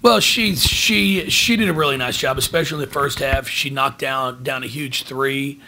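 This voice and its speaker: A man in his forties, a basketball head coach, answering questions at a post-game press conference from behind a table microphone, earnest and halting, often restarting his words. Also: medium pitch, vocal fry, noisy background. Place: press room in front of a team backdrop. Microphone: table microphone in front of him.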